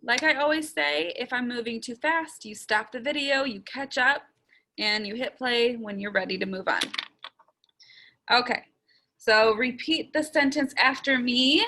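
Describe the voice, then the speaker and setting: A young woman teacher records a writing lesson for small children, sounding out every word slowly and stretching the letter sounds. Her voice is a little high with a sharp tone.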